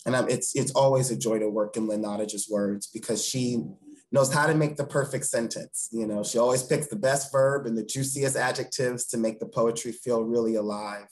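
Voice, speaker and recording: Thoughtful and earnest, a thirty-something theatre director joins an interview by video call from home, his eloquent answers marked by emphatic repetition. He keeps a steady tone at medium pitch and moderate pace, though the recording quality is low.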